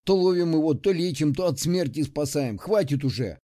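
Man doing a hot-tempered army officer, barking, rough-spoken, raised pitch, mellow tone, audiobook. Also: expressive, normal speed, natural voice. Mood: furious. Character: furious hot-tempered male army senior lieutenant. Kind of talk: audiobook character voice.

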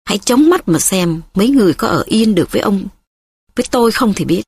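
A woman's voice: lively intonation, fast, husky, no room sound. A woman reading an audiobook, voicing a furious, spiteful middle-aged wife who hurls scornful insults. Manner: shrill, scornful, shouting insults.

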